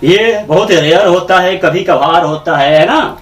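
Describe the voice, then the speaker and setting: A man's voice: high voice, a little slow, faint music behind. A man teaching English grammar in a classroom lecture, repeating each point and checking with rhetorical questions. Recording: echoey room, mic far off.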